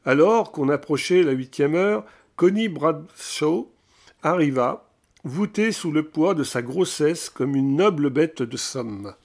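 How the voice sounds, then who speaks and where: Audiobook narrator: man, slightly higher voice, measured and steady. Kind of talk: scripted narration.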